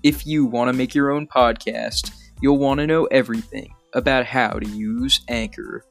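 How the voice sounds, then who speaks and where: A man hosting a history podcast, reading a scripted narration in a measured, earnest way. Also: medium pitch, fairly even intonation, gravelly, soft background music. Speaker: podcast host.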